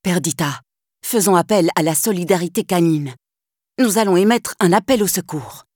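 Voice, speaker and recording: A woman voicing a loyal, protective male dalmatian who speaks calmly and resolutely. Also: fairly low pitch, normal speed, no echo, clean studio sound, lightly acted.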